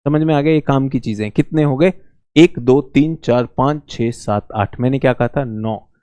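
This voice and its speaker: A man teaching a lively, joking exam-prep lesson, now and then slipping into brief mock voices. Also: medium pitch, normal speed, clean tone, no echo.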